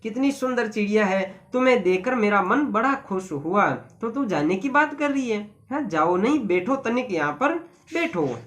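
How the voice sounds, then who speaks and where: A teacher voicing a rich older man who owns a garden, speaking in a gentle, coaxing way during a story lesson. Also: medium pitch, lively intonation, moderate pace, lightly acted.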